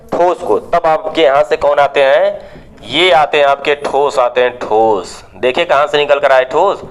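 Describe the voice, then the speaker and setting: Call-and-response chemistry teacher. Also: male voice, smooth. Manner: call-and-response questioning, drops low to answer himself. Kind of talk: classroom lecture.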